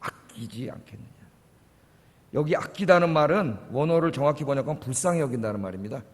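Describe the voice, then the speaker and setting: A man's voice: a little high, expressive, very fast. A male pastor preaching a Korean-language sermon, emphatic and dramatic, acting out quoted dialogue with rising intensity. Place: church sanctuary. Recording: long reverb of a church hall.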